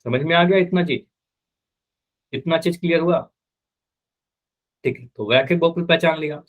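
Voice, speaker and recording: A man teaching a live math class, his voice sitting a little high for a man. He keeps repeating each question and then speaks the students' expected answers himself. The manner is patient and drilling. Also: normal speed, narrow, tinny audio.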